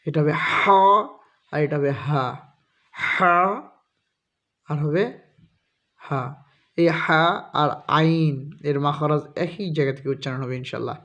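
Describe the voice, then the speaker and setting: A man teaching the Arabic alphabet as a lesson, slowly reciting and repeating each letter name and addressing his viewers as brothers. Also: on the high side, a bit bright, lo-fi sound. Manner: slow, drawn-out recitation of letters with repetition.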